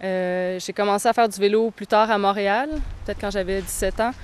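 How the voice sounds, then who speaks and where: A young woman, answering interview questions thoughtfully, with frequent pauses. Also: medium pitch, steady tone, clear, resonant tone. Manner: thoughtful, hesitant, many pauses. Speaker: touring cyclist interviewee.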